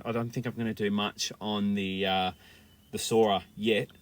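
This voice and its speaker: A man's voice: fairly low pitch, little pitch movement, normal speed. A man with an Australian accent hosting a casual chat, loose and jokey, swearing constantly. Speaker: host.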